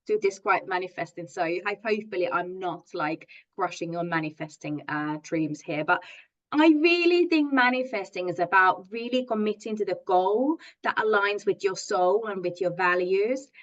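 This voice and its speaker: A woman's voice: medium pitch, fairly bright tone, dull audio. A middle-aged woman from Finland, a native Finnish speaker, giving an online coaching masterclass in an earnest, enthusiastic way, with many fillers and restarts. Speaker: positive psychology coach.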